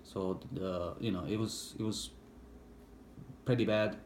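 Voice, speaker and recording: A middle-aged man from Bosnia with a Bosnian accent, English not his first language, recalling his past haltingly with many fillers and restarts in an interview. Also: low-pitched, steady tone, darkish tone. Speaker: interviewee, war veteran. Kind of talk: personal recollection, hesitant. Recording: echoey room with faint background noise.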